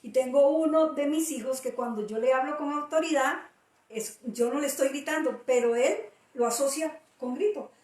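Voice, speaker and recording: High-voiced emphatic woman preacher, roomy. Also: normal speed, darkish tone. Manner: emphatic, repeats key phrases. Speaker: pastor. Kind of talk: preaching talk. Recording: roomy audio from a distant mic.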